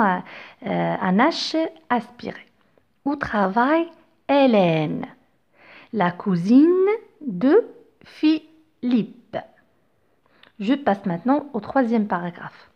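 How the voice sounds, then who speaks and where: A woman teaching a reading lesson to young children, reading slowly and articulating each word with care. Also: medium pitch, very animated, vocal fry, muffled recording. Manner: slow, careful, over-articulated reading. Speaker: French teacher.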